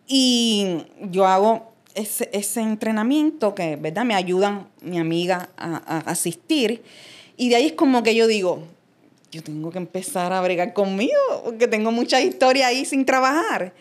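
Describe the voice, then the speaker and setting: A middle-aged woman from Cuba speaks as a guest in a relaxed interview. She tells her story with animation, often acting out what others said and laughing between thoughts. Her pitch is mid-range for a woman. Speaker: guest, transpersonal coach. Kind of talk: casual interview chat.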